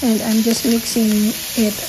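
A middle-aged Filipino-accented woman walks through a recipe step by step in her home kitchen, slipping Tagalog asides into her English for a casual cooking vlog. Her voice is fairly high and monotone at a measured pace, over a noisy background.

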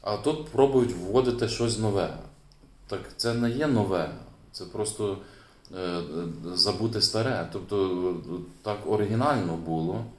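A man's voice: on the low side, measured pace, echoey room. A man who is a priest, giving a sermon in a casual, explaining way, hesitating often with fillers and restarts. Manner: hesitant, many fillers and restarts, chuckles now and then.

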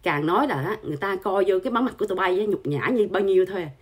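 A woman's voice: medium pitch, expressive, racing, breathy edge. A woman, hosting her channel with an angry, scolding monologue full of insults and filler particles. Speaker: channel host.

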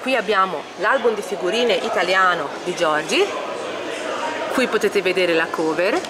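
Woman, mid-pitch, casual tour guide of her own collection, handheld camera in a loud public hall. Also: noisy background. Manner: walking the camera through display cases, listing items with small hesitations. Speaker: collector showing her exhibit. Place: indoor convention hall stand. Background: loud convention crowd ambience.

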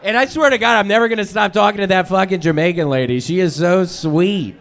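A man doing absurd, rambling stand-up banter on a club stage, talking in a slow, dim, drawn-out way that breaks into abrupt shouts. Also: high-pitched. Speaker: comedian guest.

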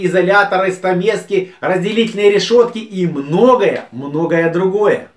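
A middle-aged man talks to a camera set up across a table, his fairly high voice bouncing around a small echoey room. He gives beekeeping advice in a plain, homely way, dropping "eh" between phrases and gesturing as he speaks. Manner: frequent "eh" fillers, dry chuckles, gesturing. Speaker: beekeeper vlogger. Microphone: fixed camera at table distance.

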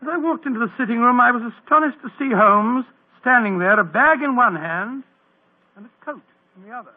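An actor playing Doctor Watson, a bumbling, good-natured older doctor who stammers and fusses, in a 1940s radio drama. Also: male voice, extremely high pitch, lively intonation, brisk. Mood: narrating. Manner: stammering, fussy, blustery. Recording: tinny old radio broadcast.

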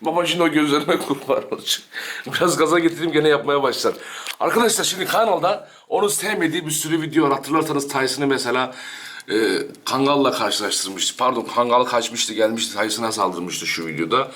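A man's voice: mid-range voice, fairly quick, a bit bright. A man, chatting casually to viewers in a home vlog while teasing and scolding his dog. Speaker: dog channel vlogger.

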